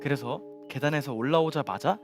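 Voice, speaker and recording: A young man telling a ghost story to friends in polite, measured formal narration, as co-host of a show. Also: on the high side. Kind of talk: spoken storytelling among friends. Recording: music behind the voice.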